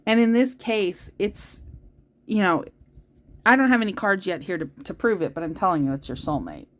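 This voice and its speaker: A woman's voice: medium pitch, animated, moderate pace, a little hiss or hum. A woman giving a heartfelt tarot reading, talking earnestly and directly to her listeners. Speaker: tarot reader. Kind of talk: spiritual tarot reading to viewers.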